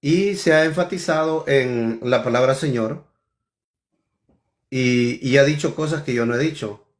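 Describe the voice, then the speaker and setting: A man's voice: mid-range voice, unhurried. A man in a heated theological debate, accusing his opponent and stressing key words over and over.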